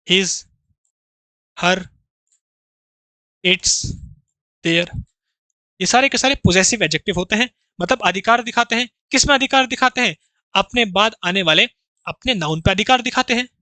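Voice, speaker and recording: A man with a high, sharp voice teaches an exam-prep grammar lesson, recorded with no room sound. He explains through rhetorical questions and repetition, addressing his students familiarly as brothers.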